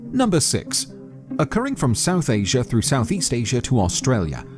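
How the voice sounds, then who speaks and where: Lively male nature documentary narrator over music. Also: mid-range voice. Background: prominent background music.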